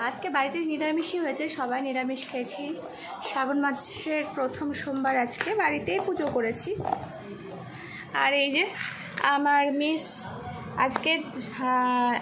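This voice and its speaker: Young woman vlogger, high and soft-spoken, casual daily chat, faint background noise. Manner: soft-spoken, chatty, talks to her child in a sing-song voice. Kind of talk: casual daily-life vlog narration.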